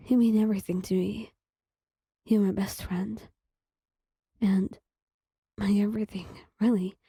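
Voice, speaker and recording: Woman reader as a brusque young man, whispered role-play, husky and mellow, swears then softens. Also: medium pitch, dry recording, clean studio sound. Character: hot-tempered young man, gruff and protective.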